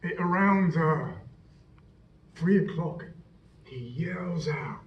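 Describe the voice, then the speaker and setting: Man as Roman centurion, halting, stammering, slow, higher-pitched, echoey church hall, faint music. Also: lo-fi sound. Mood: awed. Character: earnest Roman centurion soldier, awed eyewitness. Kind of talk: church stage monologue.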